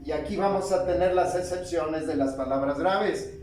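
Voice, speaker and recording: A man teaching a spoken grammar lesson, slow and deliberate, asking questions and answering them himself. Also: on the high side, darkish tone, far from the mic, soft background music. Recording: echoey room, voice from off-mic.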